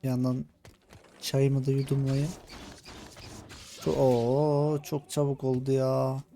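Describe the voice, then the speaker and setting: Talking himself through his plans, a Turkish-accented gaming channel host comments on his strategy gameplay and grows frustrated as his tries keep failing. The mid-range voice is level, slow and dark, with slight background noise in this let's play.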